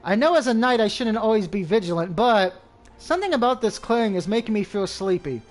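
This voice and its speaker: Man voicing a haughty young lady knight, high voice, faint music behind. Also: lively intonation, brisk. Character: proud young female knight heroine, confident.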